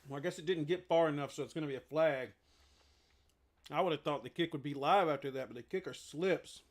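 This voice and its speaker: Brief: man streamer, casual live football reaction, chatty, voice sits a bit high, bursts of excitement at big plays. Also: fairly quick. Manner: chatty, eating while talking, excited outbursts at plays.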